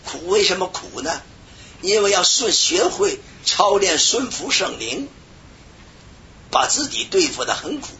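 Man preaching with shouted bursts, high bright voice, dull recording, faint rumble. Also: big pitch swings, unhurried. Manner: storytelling with sudden shouted bursts. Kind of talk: sermon.

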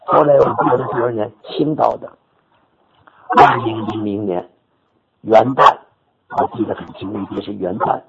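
An older man preacher telling a story in his sermon, animated and repetitive, rising to sudden high exclamations. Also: moderate pace, creaky, pauses often. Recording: dull lo-fi recording with audience noise.

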